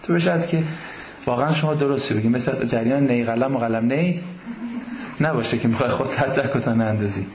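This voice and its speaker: A man giving a university lecture on religion in a classroom, lively, often posing questions to the class. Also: mid-range voice, echoey room, lo-fi sound, slight background noise.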